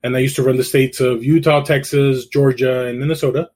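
Man, middle-aged, from El Salvador, interview guest, relaxed, wry humor, medium pitch. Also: a little fast, a little hiss or hum. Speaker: guest, realtor. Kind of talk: casual interview storytelling.

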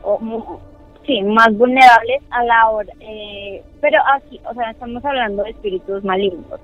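A woman's voice: a little high, normal speed, faint music behind. A woman speaking hesitantly in casual podcast chat. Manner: hesitant, full of restarts and fillers. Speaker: podcast co-host. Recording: phone-like dry call audio.

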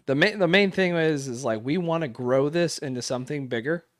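A man co-hosts a casual podcast, rambling along with lots of fillers and restarts. His voice sits a little high and he talks briskly. The studio sound is clean, with no echo.

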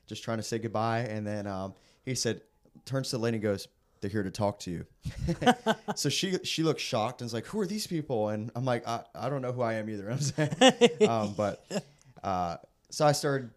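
Young male evangelist, casual storyteller with a mid-range voice who laughs at his own stories. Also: mid-range voice. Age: young adult. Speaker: traveling evangelist preacher. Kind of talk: casual storytelling in a podcast conversation.

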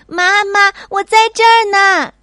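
A woman voicing a small, easily frightened child in a bedtime storybook, with a high pleading voice. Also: measured pace, a bit bright, dry recording, studio quality, faint music behind. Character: small scared little child, whiny.

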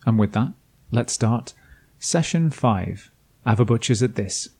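A man's voice: fairly low pitch, flat delivery, normal speed, loud music behind the voice. A man reading a scripted recap of a tabletop campaign as game master, with dry, self-deprecating asides. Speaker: game master and podcast host.

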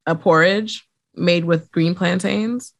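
A woman's voice: lowish voice, steady tone, slow pace, vocal fry, no echo. A young woman co-hosting a podcast, telling stories in a chatty, incredulous way. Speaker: podcast co-host. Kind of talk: casual chat.

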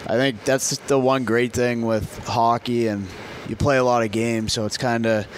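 Male interview guest, mild Boston accent, understated and a bit halting, recorded amid clear outdoor traffic noise. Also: medium pitch, steady tone. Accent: Boston, slightly softened. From Boston, USA. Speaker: hockey player guest. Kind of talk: casual interview answers.

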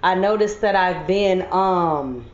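A woman vents in a personal monologue, blunt and heavily profane. The recording sits in an echoey room with a muffled, lo-fi tone, and her pitch stays in a middling range. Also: moderate pace, a little mellow. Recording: echoey room, dull lo-fi audio.

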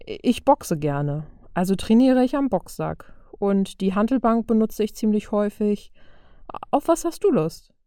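A woman's voice: medium pitch, lively intonation, a little slow, mellow, dry recording, studio quality, natural voice. Captain America, a kind strong super soldier, as a woman reads him. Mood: caring. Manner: friendly, teasing. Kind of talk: audiobook character voice.

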